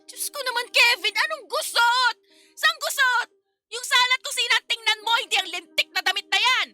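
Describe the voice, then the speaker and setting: A woman's voice: very high-pitched, moderate pace, sharp tone, soft background music, exaggerated voice. A woman playing a tired working wife in a radio drama, scolding in a stream of exasperated complaints. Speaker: lead character in a radio drama.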